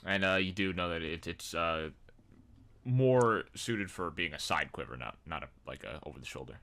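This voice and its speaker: Deep-voiced young man running a tabletop game. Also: moderate pace. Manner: relaxed, laughing, hesitant with fillers. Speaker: dungeon master.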